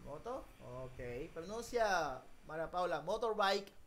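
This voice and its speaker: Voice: mid-range voice, sing-song, moderate pace, a crowd in the background. A teacher running an online English class for children, switching between Spanish and English, patient and encouraging as they coax each child by name.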